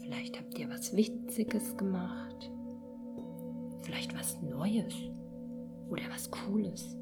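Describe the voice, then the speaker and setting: A woman hosting a podcast and gently guiding a children's sleep meditation in a soft, whispery voice. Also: on the low side, lively intonation, gravelly. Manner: soft slow whispered guidance. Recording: meditation music and singing bowls behind.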